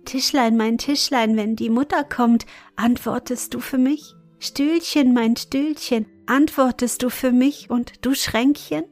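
A woman voicing a young girl in a fairy tale, flattering and pleading softly. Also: fairly high pitch, measured pace, soft background music. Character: young girl, sweet and coaxing.

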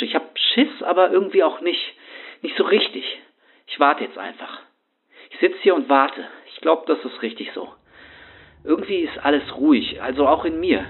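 A man playing a rattled young homeless man who rambles anxiously in street slang, as a first-person horror story monologue. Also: medium pitch. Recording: tinny phone-like sound.

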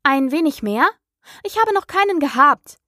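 A woman's voice: very animated, normal speed, dry recording, clean studio sound. A woman reading the part of a curious, polite young girl in a storybook, speaking earnestly and turning indignant at times. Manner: high, earnest, sometimes indignant.

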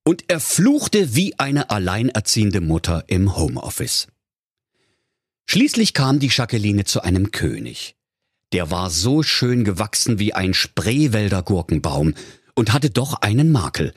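A man's voice: fairly low pitch, very animated, unhurried, slightly rough, dry recording, clean studio sound. A man telling a comic fairy tale in a mock-solemn, playful way. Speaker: storyteller.

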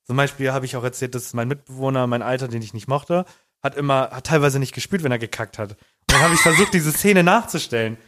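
A young man co-hosting a podcast in casual chat, telling stories with animated energy and shouting out the scenes he acts out. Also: medium pitch, quick pace. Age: young adult. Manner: animated storytelling, shouts when acting out scenes. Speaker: podcast co-host.

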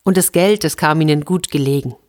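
Brief: low-pitched woman narrator, children's fairy tale, gentle and lively. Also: fairly quick. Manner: gentle, lively storytelling with repetitions. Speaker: storyteller. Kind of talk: children's story reading.

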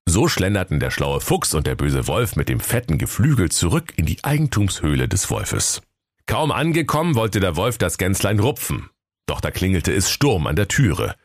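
A man narrating a comic fairy tale in a lively, playful way. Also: low-pitched, moderate pace, no echo, studio quality.

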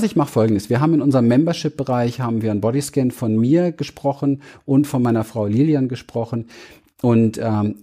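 A man with a mellow, medium-pitched voice is the guest in an interview, reflecting earnestly. He gropes for words and starts phrases over as he explains himself.

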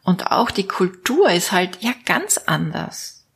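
Slow, husky Austrian woman musing aloud. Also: lowish voice, big pitch swings, fairly bright tone. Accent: Austrian German. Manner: playful, musing aloud, switching between options. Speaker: vlogger and network marketing coach. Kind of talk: casual monologue to camera.

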